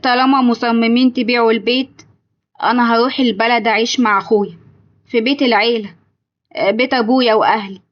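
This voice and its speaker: Woman reading as heartbroken old Egyptian mother, reproachful, quick-spoken, slightly high, dull lo-fi sound. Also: fairly even intonation, natural voice. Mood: grieving. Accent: Egyptian Arabic. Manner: sorrowful, reproachful. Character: weary aging mother, sad and wounded.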